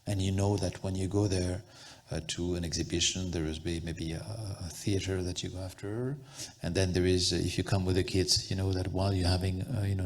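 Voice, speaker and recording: Deep, gravelly-voiced male panelist, halting delivery. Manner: halting, searching for words. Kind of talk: thoughtful spoken answer at public panel.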